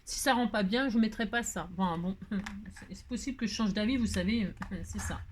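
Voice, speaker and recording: A middle-aged woman with a mid-range voice hosts a crafting tutorial at a moderate pace against a noisy background. She rambles, jokes at her own expense, and hums and sings bits of tunes as she works.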